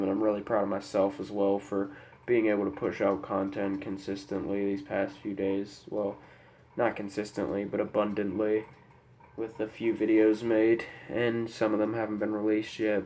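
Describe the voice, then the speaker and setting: Sick with a head cold, a young male vlogger speaks off the cuff into a camera mic, his fairly low, stuffy voice subdued and flat. He sounds serious, halting, somber and apologetic, with light background noise.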